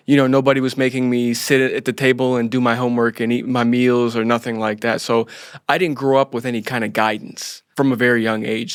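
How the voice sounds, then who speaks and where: American male guest, late 30s, clear medium-pitched voice, dry sound, informal halting storytelling. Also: dry recording. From United States, grew up in Florida. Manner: halting, repeats phrases. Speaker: interview guest. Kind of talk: casual autobiographical storytelling.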